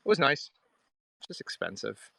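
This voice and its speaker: A Hong Kong man chats casually with his live-stream viewers from a riverside outdoors, reading and answering comments in a musing, conversational way. His medium-pitched voice is bright and forward, often crackling with vocal fry, and swings widely in pitch at a moderate pace. The sound is dry, with very little echo.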